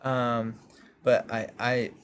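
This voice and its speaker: A man casting a video game match, easygoing and halting, often repeating words as he talks. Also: mid-range voice, level tone, slight background noise. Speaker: esports caster. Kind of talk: casual esports casting banter.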